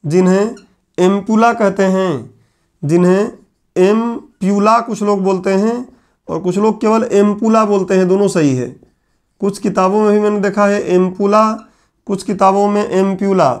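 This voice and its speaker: A male teacher giving a classroom lecture, repeating key phrases slowly so students can write them down. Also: sits high, fairly even intonation. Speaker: exam coaching teacher. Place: classroom with whiteboard.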